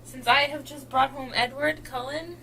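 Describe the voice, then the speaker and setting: A woman from Boston with a Boston accent, co-hosting a casual chat, playful and quick to laugh, dropping into soft asides. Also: sits high, steady tone, gravelly, crowd noise, rough recording. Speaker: co-host of a book channel.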